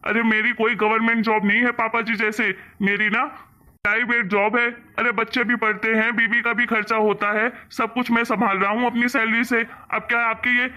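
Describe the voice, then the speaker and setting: A man's voice: extremely high pitch, level tone, moderate pace, sharp tone, full character voice. A man playing an angry, scolding grown son. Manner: scolding, mocking. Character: angry grown son scolding his mother over money. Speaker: cartoon character. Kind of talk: Hindi cartoon story voice acting.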